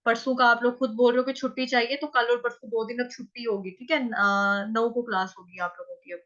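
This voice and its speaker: High-voiced woman teacher, slow and bright, going over each syllable again and again, dull lo-fi sound. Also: fairly even intonation. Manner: slow syllable-by-syllable drilling, repeating words many times. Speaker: Sanskrit recitation teacher. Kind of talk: online chanting class. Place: online class.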